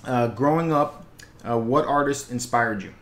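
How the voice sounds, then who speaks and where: A man's voice: mid-range voice, a little slow, fairly bright tone. An older man hosting an interview, who reads an introduction and then asks loose, upbeat questions, sometimes stumbling over his words. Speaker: interview host. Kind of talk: scripted introduction and casual questions. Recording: echoey room, faint noise.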